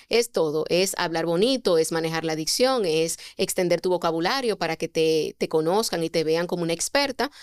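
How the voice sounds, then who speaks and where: A woman, a communication mentor, explaining sales techniques as a podcast guest with expressive delivery and rhetorical questions. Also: lowish voice, smooth, no echo, clean studio sound.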